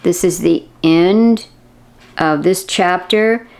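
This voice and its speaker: A woman reading a mystery audiobook in a steady, measured way. Her voice is low and carries a gravelly texture. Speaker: audiobook narrator. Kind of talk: audiobook narration.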